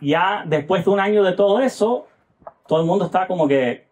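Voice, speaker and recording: Speaking as a guest, this man from the United States comments casually on politics in a brisk, slightly mellow voice that sits high. He hesitates a lot, filling gaps with filler sounds and tossing in rhetorical tag questions.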